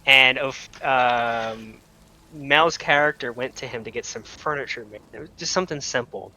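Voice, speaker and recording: A man narrating as game master, relaxed and full of pauses. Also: medium pitch, highs cut off. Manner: relaxed, hesitant with many ums.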